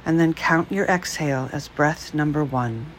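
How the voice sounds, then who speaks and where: A woman leading a guided breath meditation, speaking slowly, calmly and softly. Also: low voice, slight background noise, low-quality recording. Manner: slow, calm, soft-spoken.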